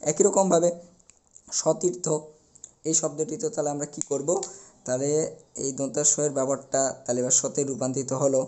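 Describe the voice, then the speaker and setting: A young man teaching a recorded class, explaining step by step and slowly repeating the key words. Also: mid-range voice, steady tone, mellow.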